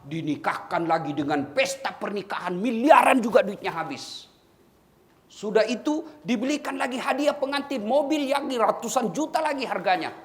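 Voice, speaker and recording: A man's voice: high voice, expressive, normal speed. A middle-aged man with a Makassar accent giving a humorous sermon, telling stories and addressing his listeners directly as "Pak". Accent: Makassar Indonesian. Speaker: preacher.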